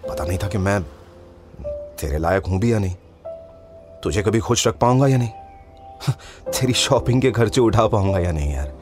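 A man playing a young male writer in an audio drama, talking in warm, hesitant, teasing banter. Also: lowish voice, lively intonation, moderate pace, pauses often, lightly acted. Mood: wistful. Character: young male writer, nervous and fond of his friend. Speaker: lead character. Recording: studio voice with music underneath. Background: soft background music.

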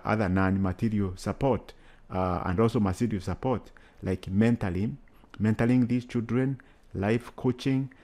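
Male charity worker as interview guest, Kenyan accent, lower-pitched voice, earnest delivery with emphatic repetition. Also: darkish tone. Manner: earnest, emphatic, repeats phrases. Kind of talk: interview answers.

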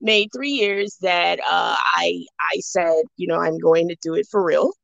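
A fairly low, gravelly woman's voice from the Bahamas, recorded dry and close. She is a young guest talking casually on a podcast, thoughtful and full of "um"s and restarts. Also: unhurried, a bit bright, no room sound, muffled recording. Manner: reflective, many fillers and restarts.

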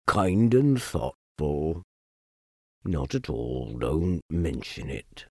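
A man voicing a gloomy, sarcastic old male donkey in a storybook reading, with a low, slow, mournful drawl. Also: very animated, vocal fry, mellow, slightly rough, no room sound, clean studio sound, heavily acted.

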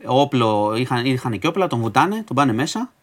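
Male co-host, casual news rundown, matter-of-fact, mid-pitched voice. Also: very animated.

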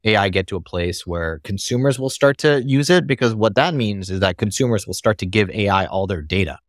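Casual American man, podcast guest; low voice, rambling delivery, dry recording. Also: brisk, dry recording. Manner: rambling, many fillers and restarts. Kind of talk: casual conversation.

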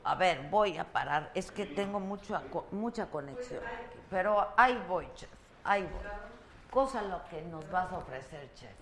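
A woman's voice: lowish voice, expressive, moderate pace, fairly bright tone. A woman hosting a live talk show from a hotel, chatty and teasing, reading out viewer greetings and trailing off in repetitions. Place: hotel on the Mexican Caribbean coast.

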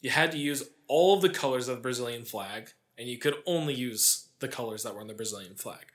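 Speaking fast at a medium pitch, this man hosts a podcast on sports history. His delivery is conversational and sprinkled with wry remarks. The storytelling is casual and partly scripted.

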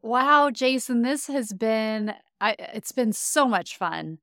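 A woman's voice: a little high, animated, takes it slowly, fairly bright tone, no echo. Effusive woman hosting, dry sound. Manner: effusive, appreciative. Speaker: podcast host. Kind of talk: casual interview chat.

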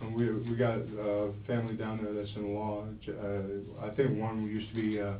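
Guy rambling, lowish voice, far off and tinny in an echoey interview room. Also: completely flat delivery, slight background noise. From Florida. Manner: rambling, halting, with many restarts. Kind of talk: police interrogation. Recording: echoey, distant, phone-like interrogation room audio.

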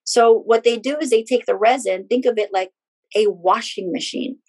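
Woman explaining in a halting, step-by-step way. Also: a little high, a little mellow. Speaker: guest, energy healing practitioner. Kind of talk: conversational interview explanation.

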